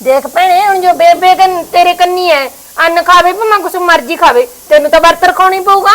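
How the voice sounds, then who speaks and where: A woman playing a sharp sister-in-law who bargains over land, with a Punjabi accent. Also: very high voice, fairly quick. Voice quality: tart, needling. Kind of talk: village family skit acting.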